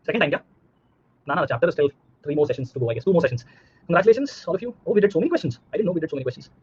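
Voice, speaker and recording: A man's voice: a little high, lively intonation, racing, a little hiss or hum. A man in his thirties with an Indian accent teaching a live online physics class, repeating himself and checking understanding with questions, slightly muffled.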